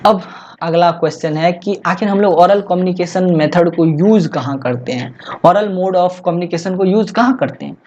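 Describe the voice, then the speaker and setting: A man teaching as an exam-prep tutor, asking rhetorical questions and answering them himself, and slowly reading English textbook lines aloud. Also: sits high, darkish tone, dull audio, slight background noise. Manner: asks rhetorical questions and answers them himself, often says "theek hai". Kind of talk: explanatory online lecture. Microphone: voice-only recording, face not shown.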